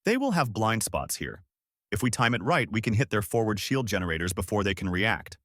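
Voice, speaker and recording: Confident young female lieutenant, read by a man, crisp tactical reports. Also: on the low side, sing-song, fairly bright tone, no echo, studio quality. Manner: brisk, analytical reporting.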